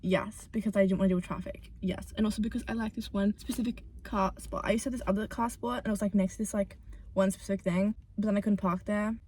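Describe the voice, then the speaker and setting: A woman's voice: medium pitch, steady tone, fast talker, a little mellow, a little hiss or hum. A young woman vlogging casually to camera, rambling with lots of fillers and self-mocking asides.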